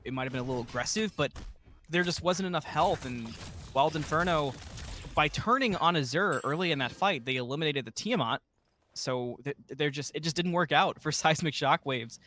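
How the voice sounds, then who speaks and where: A man giving live play-by-play esports commentary like a fighting game announcer, building to drawn-out calls when the action heats up. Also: a little high, sharp tone, slight background noise.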